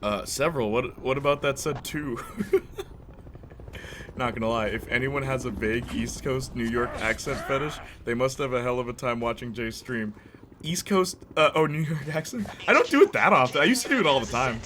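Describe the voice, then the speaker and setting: At a normal speed and in a mid-range, fairly bright voice, a man streaming a game chats casually with viewers, joking around and laughing often. The recording has noisy background hiss.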